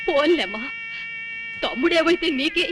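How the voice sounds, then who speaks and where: A woman's voice: high-pitched, animated, moderate pace, music in the background. An actress playing an ailing, half-deaf old mother who complains and pleads in film dialogue. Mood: pleading. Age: older.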